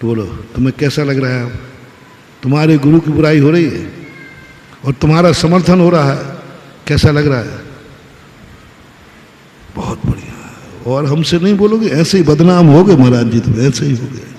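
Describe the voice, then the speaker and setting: A Jain monk giving a sermon, telling stories and acting out the voices of the people in them. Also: male voice, on the high side, moderate pace, a little mellow. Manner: storytelling, acts out dialogue voices. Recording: echoey hall with long reverb.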